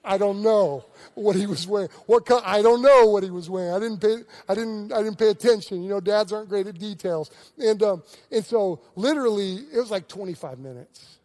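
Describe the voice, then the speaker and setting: A middle-aged man preaching a sermon, telling stories animatedly, with frequent restarts and swings between loud and hushed delivery. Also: high voice, fairly quick, hardly any pauses. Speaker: pastor.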